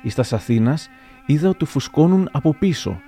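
A man's voice: a little high, expressive, dark tone, pitched above the performer's own voice. A man voicing a proud, blunt old general who speaks in dry, wry sayings.

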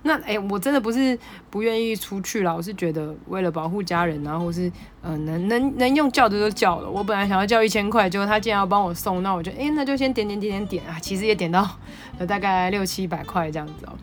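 A woman with a Taiwanese Mandarin accent hosting a podcast, telling a story in an animated, excitable way. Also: mid-range voice, fast. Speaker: podcast host. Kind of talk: casual storytelling monologue.

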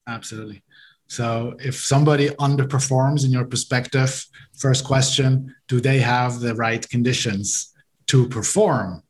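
A Swiss man whose native language is German, working as a leadership coach, appears as a guest on a podcast interview. His mid-range voice stays fairly even in intonation and runs a little slow. He explains things at length, often with garden metaphors, repeats words and restarts a few times.

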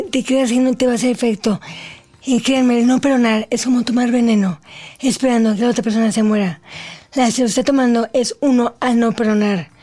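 Woman in her 40s, Mexican Spanish accent, slow careful delivery, unusual articulation, interview guest. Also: fairly high pitch, warm tone. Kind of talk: personal storytelling in an interview.

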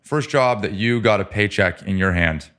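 A man's voice: on the low side, normal speed, fairly bright tone, clear, resonant tone. A man hosting a business podcast interview, upbeat and joking as he reads out his guest's background. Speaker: podcast host. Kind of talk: casual interview.

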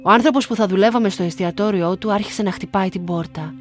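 Calm woman narrating over soft music. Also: medium pitch. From Greece. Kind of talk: scripted first-person narration. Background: faint music.

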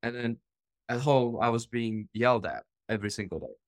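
A man's voice: mid-range voice, fairly quick, dry recording, clean studio sound. A man in his twenties from the Czech Republic, a podcast guest telling his life story in an earnest, open way with many fillers. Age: 20s. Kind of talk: casual interview storytelling.

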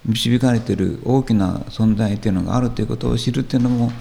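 A man, a guest teacher musing slowly and reflectively in conversation, often trailing off. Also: medium pitch, gravelly, dark tone, a little hiss or hum.

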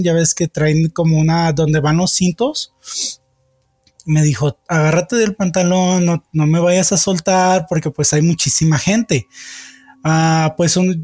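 A man's voice: on the high side, a little mellow, no room sound, studio quality. A man telling a personal story in a casual, hesitant way, full of fillers and restarts.

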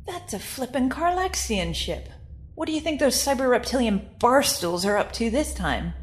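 An actress voicing a flippant, quick-witted female spaceship pilot in a wry, teasing manner. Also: a little high, big pitch swings. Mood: exasperated. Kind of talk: audio drama acting.

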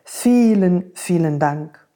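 Woman voicing a little princess, storybook, soft, earnest, wondering, mellow, slow. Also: fairly low pitch, animated.

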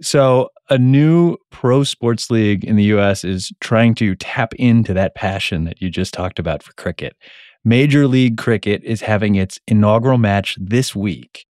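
A man hosting a news podcast, reading scripted narration and asking interview questions in a measured, lightly playful way. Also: on the low side, a little mellow, dry recording, clean studio sound. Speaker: podcast host.

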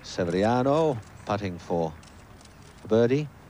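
A man's voice: lowish voice, animated, a little slow. A man working as a golf commentator, calling play live in short, repeated exclamatory phrases. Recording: very noisy outdoor broadcast with loud crowd. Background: loud crowd and outdoor noise.

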